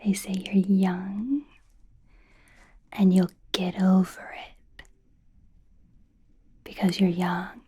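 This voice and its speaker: This ASMR roleplay has a woman voicing an awkward, friendly young werewolf doctor in a breathy whisper of medium pitch and fairly even intonation. She speaks extremely slowly with long pauses, heavily acted, rambling hesitantly with a caring, curious mood.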